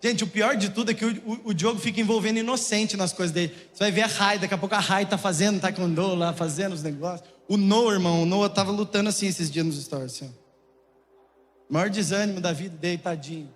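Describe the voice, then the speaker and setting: A young man with a Brazilian Portuguese accent, preaching a humorous sermon and telling jokey, animated stories to a congregation in a church. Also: high-pitched, fast talker. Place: church auditorium. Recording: long church hall reverb, faint noise.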